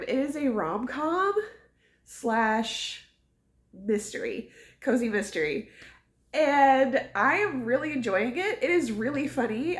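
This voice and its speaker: Chatty woman vlogging in an echoey room. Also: mid-range voice. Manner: chatty and upbeat, with frequent "like" and soft laughs. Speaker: book vlogger. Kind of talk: casual chatty vlog.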